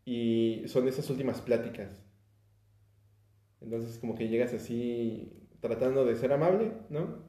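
A young Mexican man with a mid-range, dark voice talks casually about an album on a music podcast, keeping a measured pace. He's hesitant, full of fillers and restarts, and the room sounds echoey.

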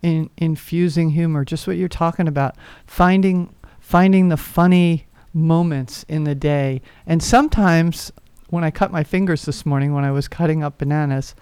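Smooth-voiced reflective speaker, dry sound. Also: medium pitch, fairly even intonation, moderate pace, dry recording. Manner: reflective, thoughtful, gentle affirmations. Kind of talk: casual spiritual chat.

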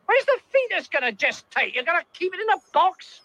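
A man's voice: extremely high pitch, big pitch swings, brisk, pushed and bright, no room sound, exaggerated voice. An actor playing an exasperated male rebel leader in a comedy film, sounding incredulous.

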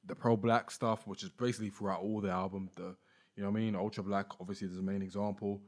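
A man's voice: fairly low pitch, flat delivery, fast. A man giving opinions on music in casual, slangy podcast chat.

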